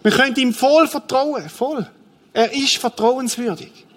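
Lively high-voiced preacher. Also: male voice, a little slow. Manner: lively storytelling preacher, acts out the scene. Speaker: pastor. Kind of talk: sermon.

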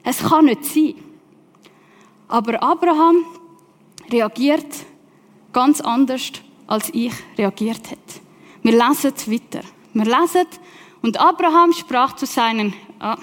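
A woman with a Swiss German accent and a high voice preaches a sermon, telling its story with lively questions to her listeners. The long reverb of a large hall surrounds her words.

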